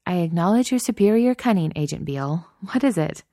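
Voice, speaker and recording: A woman's voice: lowish voice, expressive, brisk, warm tone, no echo, pitched above the performer's own voice, natural voice. A woman voicing a wry young woman who trades dry, teasing banter in a romance audiobook. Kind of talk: audiobook character voice.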